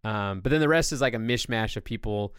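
Podcast host guy, lowish smooth voice, rambles on excitedly explaining stuff, dry close mic. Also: fairly quick, dry recording. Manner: long-winded enthusiastic explaining. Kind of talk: casual chat.

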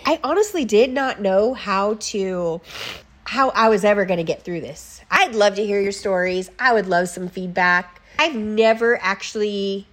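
A woman in her thirties, a podcast host, telling a painful personal story in an emotional, profane, halting way, close to tears. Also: mid-range voice.

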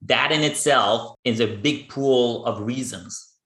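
A man's voice: medium pitch, takes it slowly, bright, forceful tone. Man hosting a podcast, echoey room. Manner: earnest, explaining in plain terms. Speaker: podcast host. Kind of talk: podcast interview.

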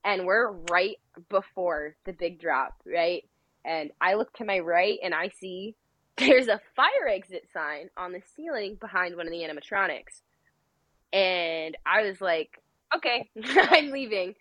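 A woman's voice: on the low side, unhurried, a bit bright, no echo, low-quality recording. Rambling young woman telling a story. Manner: rambling, filler-heavy, laughs between phrases. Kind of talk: casual storytelling chat.

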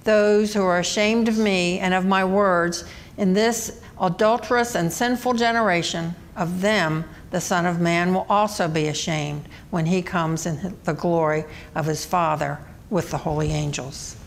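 A woman reading a gospel passage aloud in church in a measured, formal way. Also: on the low side, steady tone, gravelly, a little hiss or hum. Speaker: lector. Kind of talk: scripture reading.

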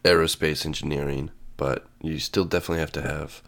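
His bass voice holds a steady tone and a brisk pace, with vocal fry and a slightly bright edge. He's a male podcast host with a stuffy cold, alone at home with coffee, musing and reading definitions amid many fillers.

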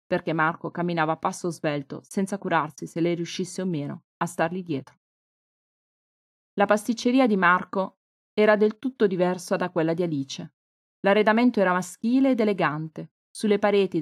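A woman author reading her novel aloud in a calm, even storytelling manner. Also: fairly low pitch, dry recording, clean studio sound. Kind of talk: audiobook narration.

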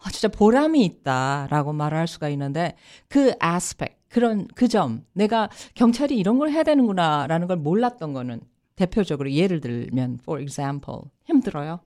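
A woman's voice: lowish voice, sing-song, moderate pace, hardly any pauses, darkish tone. A woman hosting a bilingual studio radio interview, repeating and translating what her guests say.

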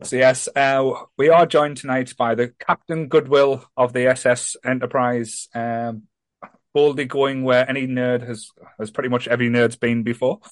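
Joking podcast host. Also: male voice, mid-range voice, level tone, moderate pace, no echo. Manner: rambling, joking, self-deprecating. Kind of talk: casual chat.

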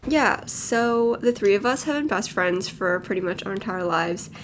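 Co-hosting a podcast on a lo-fi home mic, a nineteen-year-old Los Angeles woman rambles through a casual chat among friends, packing her speech with "like" and "um." She sounds animated, with a medium pitch and normal speed, and a little hiss or hum comes through.

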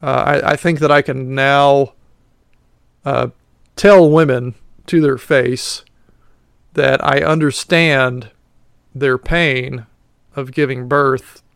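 A man's voice: medium pitch, fairly even intonation, takes it slowly, gravelly, long pauses, fairly bright tone, clean tone, no echo, studio quality. A man in his late thirties hosting a casual solo podcast, rambling and self-mocking with lots of fillers. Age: 30s. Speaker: podcast host.

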